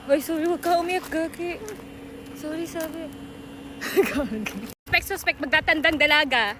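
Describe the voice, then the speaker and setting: A woman's voice: high voice, moderate pace. A young woman vlogger in casual, playful chat, teasing a friend and laughing often.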